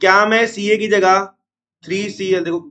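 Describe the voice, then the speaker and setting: Unwell male accounts teacher, high-pitched. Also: fairly even intonation, sharp tone. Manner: repeats formulas slowly, scolds chattering students. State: unwell, strained chest. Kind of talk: classroom lecture.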